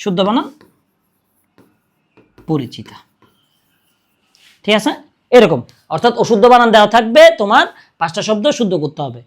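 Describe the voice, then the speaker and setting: A man's voice: high voice, big pitch swings, moderate pace, long pauses. A young man teaching a casual exam-prep video lesson. He keeps checking in with his students and answers his own questions in a coaxing, friendly way.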